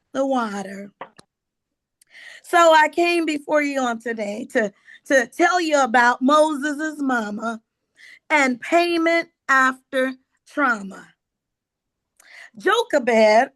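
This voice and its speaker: A woman's voice: high-pitched, a bit bright. A middle-aged woman pastor preaching a sermon, retelling the story dramatically and repeating key phrases.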